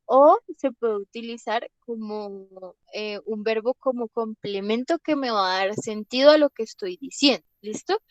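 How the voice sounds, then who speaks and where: A young woman teacher walks through grammar step by step, her voice sitting fairly high. She keeps pausing to check that everyone is following. The sound is close and dry, with no room echo. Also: dull audio. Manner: patient and explanatory, often checking in with "¿listo?". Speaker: English teacher. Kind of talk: explaining grammar in a class lecture.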